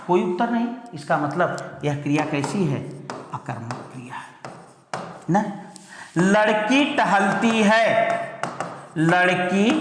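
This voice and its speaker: Guy teaching grammar for an exam, keeps saying beta, slow repeats, lots of room echo. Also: very high-pitched, fairly bright tone, slight background noise. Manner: calls students "beta", repeats key words slowly. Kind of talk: exam-prep grammar lesson. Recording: echoey hall.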